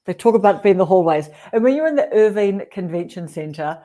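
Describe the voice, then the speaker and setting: Hosting a relaxed livestream, this New Zealand-accented woman in her forties speaks with a mid-range, mellow voice that's animated and a little fast. She rambles through stories in a chatty way, using fillers frequently.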